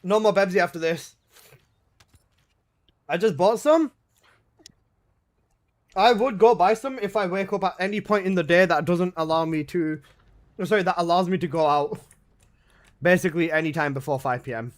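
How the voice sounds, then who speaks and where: A young man banters with his live chat while he plays. His slangy, laid-back talk sits in a slightly higher register, and he is recorded from his room at home. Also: moderate pace, long pauses. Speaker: gaming livestreamer. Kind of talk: casual live-stream chat.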